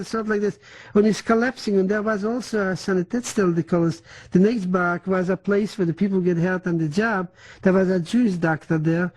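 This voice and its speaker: Older man, non-native English, halting recollections with restarts, fairly high voice. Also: darkish tone, poor audio. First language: not English. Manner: halting, many restarts, mixes in German words. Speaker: interviewee. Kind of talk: oral history testimony.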